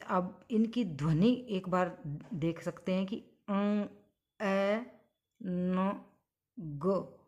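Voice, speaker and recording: A woman's voice: lowish voice, darkish tone. A woman teaching Hindi grammar, spelling out sounds one at a time and stretching each example word. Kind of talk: slow explanatory grammar lesson.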